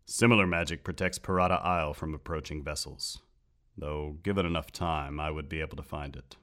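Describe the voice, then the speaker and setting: A booming, grave sea captain recounting ancient lore in a very deep, low voice, solemn and declaiming, pressing his words with weight, as a male audiobook narrator puts him on. He sounds like a storybook loremaster addressing his crew. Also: fairly even intonation, a little fast, fairly bright tone.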